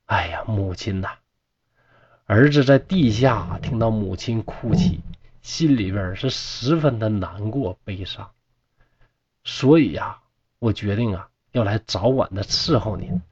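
A man voicing the ghost of a young man in a told folk tale, speaking low, hushed and mournful. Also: expressive, unhurried, husky, muffled recording. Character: young man's ghost, grieving and vengeful.

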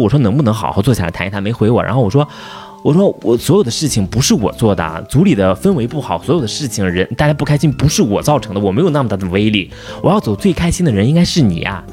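A man's voice: medium pitch, darkish tone. A man telling a long, profane, angry story about his workplace. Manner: profane, heated, rising to outbursts. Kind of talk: casual angry rant.

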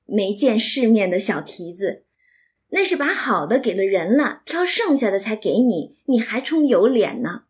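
A woman voicing a proud, sharp-tongued young maidservant in a storybook reading. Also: mid-range voice, very animated, moderate pace, natural voice. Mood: scornful.

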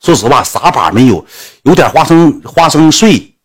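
A man's voice: a little high, big pitch swings, moderate pace, slightly rough. A man with a Northeastern Mandarin accent, a livestreamer telling a crude comic story full of sound effects.

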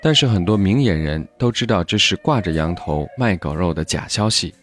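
A man narrates a scripted podcast in a calm, reflective tone. His voice sits low. Faint music plays under him. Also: fairly quick.

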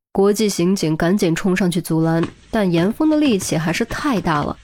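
Low-voiced woman narrating a novel. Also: darkish tone. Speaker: audiobook narrator.

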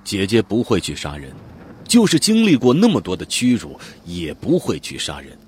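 A man's voice: lowish voice, huge pitch swings, moderate pace, darkish tone, a little hiss or hum. A man narrating a dramatic audiobook, telling the story vividly and expressively. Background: faint background music.

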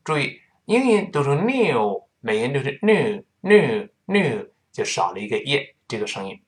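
A man teaching English pronunciation, demonstrating each sound by repeating it slowly. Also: medium pitch, sing-song.

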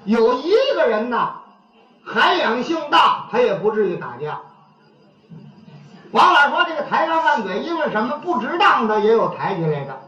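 A man spins a comic story in a high, bright voice that leaps all over the place. He talks in a chatty, animated way and snaps into the voices of quarrelling people. The old recording sounds dull and echoey. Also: normal speed.

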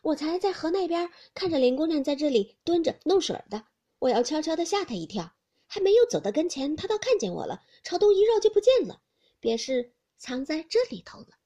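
女声演绎的端庄又狡黠的年轻小姐. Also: female voice, high-pitched, very animated, brisk, warm tone, voice pushed up. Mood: sly. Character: poised young lady, sly and composed.

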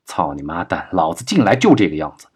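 A tough, hot-tempered gang leader in an audiobook crime story, voiced by a man narrating. He speaks gruffly and bluntly, in a low voice. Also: big pitch swings, fairly quick, darkish tone, heavily acted.

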